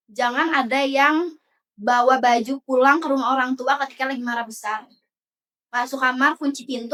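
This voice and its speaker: A young woman with a high, bright voice chats casually on a podcast and spells out her opinions in long turns. She slips into quick acted-out examples along the way. Her voice sits a little back from the microphone. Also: recorded from a distance. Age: young adult. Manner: talkative, explains at length with acted-out examples. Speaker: podcast co-host. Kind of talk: casual chat.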